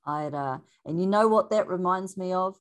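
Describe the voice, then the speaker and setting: Female moderator, slightly low voice, Māori New Zealand accent, relaxed informal wording with Māori phrases. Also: moderate pace. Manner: informal, mixes in Māori words. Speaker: panel host.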